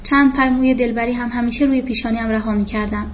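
A woman narrating a novel in a steady, even storytelling manner. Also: fairly high pitch, highs cut off, slight background noise. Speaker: audiobook narrator.

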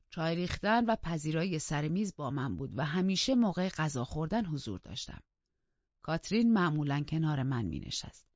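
An audiobook narrator reading a novel aloud in a measured, storytelling manner. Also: medium pitch, dry recording. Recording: dull lo-fi dry recording.

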